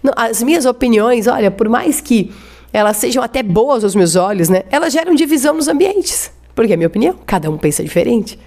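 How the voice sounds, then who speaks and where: A woman with a Brazilian Portuguese accent preaching in a church. Her delivery is fervent, and she slows and stretches key words for emphasis as she addresses the congregation directly. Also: fairly high pitch, lively intonation, darkish tone. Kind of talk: sermon.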